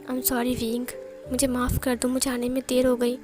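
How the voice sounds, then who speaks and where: A woman voicing a devoted young man who pleads softly with his beloved in a read-aloud story. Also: sits high, monotone, moderate pace, over music, lightly acted. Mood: tender.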